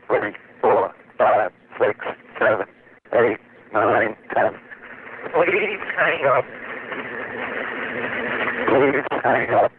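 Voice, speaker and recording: A man's voice in a recorded telephone announcement, made of spliced-together words in a slow, stilted, repetitive delivery. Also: medium pitch. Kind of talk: automated telephone message. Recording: tinny phone line with noise.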